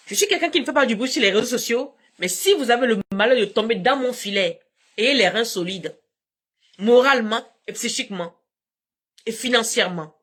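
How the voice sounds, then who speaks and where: A woman's voice: fairly high pitch, fairly bright tone, husky. A woman hosting a casual live stream from home on her phone, talking in a combative, emphatic way with frequent laughs.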